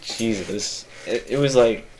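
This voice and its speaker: A young man in casual chat on a podcast, answering in brief, low-key remarks. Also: measured pace, noisy background.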